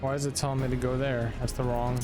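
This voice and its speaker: A man's voice: mid-range voice, little pitch movement, fast talker, over music. A man casually chatting to his viewers while playing a game, reading and answering chat. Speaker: streamer. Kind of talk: casual live gameplay commentary.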